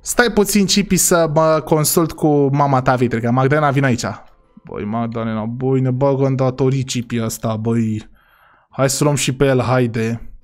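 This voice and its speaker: A man hosting a playful role-play vlog, excitable and speaking straight to his viewers. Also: medium pitch. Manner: excitable, addresses viewers directly. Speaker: vlogger host.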